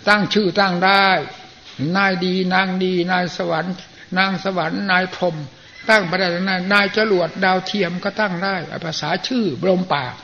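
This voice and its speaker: An older man speaks as a Buddhist monk giving a sermon, his voice gravelly and pitched slightly high. His talk is plain and folksy, and he clears his throat often. The recording is a muffled old tape with a faint hiss behind it. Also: a bit bright.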